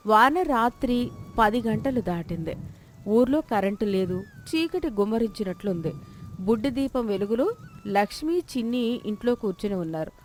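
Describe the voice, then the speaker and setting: A woman's voice: fairly high pitch, a little hiss or hum. A woman narrating a children's moral story in a scripted storybook style.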